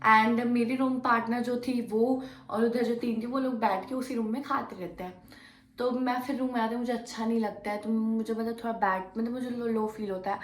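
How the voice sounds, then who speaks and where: A woman's voice: on the high side, a little fast, slight background noise. Young woman telling a story, echoey room. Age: young adult. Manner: animated retelling, acts out quoted arguments. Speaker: vlogger. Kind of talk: casual storytelling vlog.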